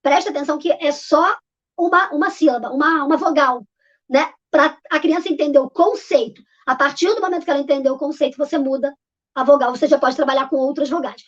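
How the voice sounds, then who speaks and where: A woman's voice: high voice, a little fast. A woman with a Brazilian Portuguese accent, a literacy teacher explaining classroom games in a live online talk, informal with many fillers and restarts. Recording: dull lo-fi audio.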